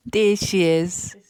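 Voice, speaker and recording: A woman's voice: lowish voice, no echo. A young woman, a new mother, animatedly recounting her birth story in a casual vlog chat. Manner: animated retelling, acts out quoted lines.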